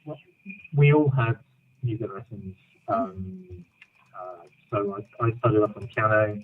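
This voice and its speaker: A man's voice: on the low side, very animated, unhurried. Guy, band interview, phone held away from his mouth, tinny and faint. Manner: hesitant, asks back. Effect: phone held away, faint and breaking up. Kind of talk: casual interview answers. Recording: tinny distant phone line.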